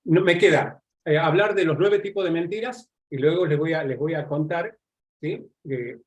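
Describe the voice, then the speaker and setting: Argentine male lecturer, slightly raised pitch, chatty and explanatory, checks in with listeners constantly. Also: normal speed, dull audio. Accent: Argentine Spanish. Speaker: lecturer on nonverbal communication. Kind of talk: live online class lecture.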